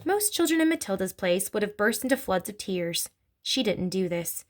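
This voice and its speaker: A woman reads a children's novel aloud with expressive storytelling. Her voice sits mid-range but moves a lot in pitch. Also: normal speed. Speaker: narrator.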